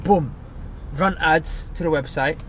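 A man's voice: on the high side, a little slow, a bit bright, slight background noise. A man with an urban London roadman accent chatting casually in emphatic, repetitive street slang. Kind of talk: casual chat.

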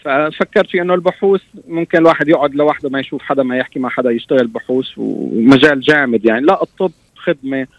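A man's voice: mid-range voice, fast talker, few pauses, no room sound, lo-fi sound. A man in his fifties from Syria with a Levantine Arabic accent, answering interview questions conversationally and often searching for his words. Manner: hesitant, searching for words with trailing repeats. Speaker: interview guest, doctor.

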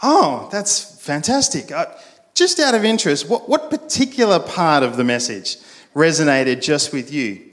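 A man's voice: fairly high pitch, animated, normal speed, fairly bright tone, in a large hall, voice pushed up. A nervous, overly polite churchgoer asks careful questions, as a preacher acts him out. His voice is lifted above the speaker's own and sits a little back from the mic. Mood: sheepish.

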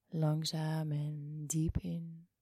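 A woman leads a guided relaxation in a hushed, soothing near-whisper. She speaks very slowly and leaves long pauses between instructions. Her voice sits a little low with some gravelly creak, soft throughout. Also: monotone, dry recording, studio quality. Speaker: yoga and meditation guide.

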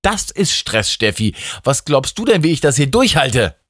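Reader putting on God as a frantic, overworked deity, exasperated and rambling, with a pitch that jumps about lively. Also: male voice, normal speed, no room sound, clean studio sound. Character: stressed drug-addled God, male, ancient, irritable.

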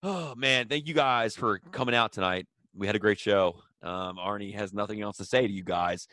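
A man's voice: lowish voice, moderate pace, pushed and bright, no echo, clean studio sound. A young man co-hosting a podcast, joking and teasing his friend in casual, profane banter. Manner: joking, teasing, swearing often. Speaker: podcast co-host.

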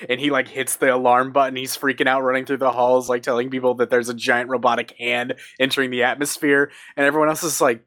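A man's voice: mid-range voice, little pitch movement, fast, few pauses, fairly bright tone. A man co-hosting a podcast in casual chat, rambling with many filler words. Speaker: podcast co-host.

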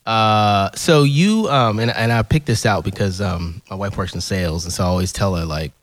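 A man's voice: on the low side, normal speed, no room sound. A man hosting a podcast interview in a chatty, casual way, cursing now and then. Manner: lively, chatty, swears casually. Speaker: podcast host.

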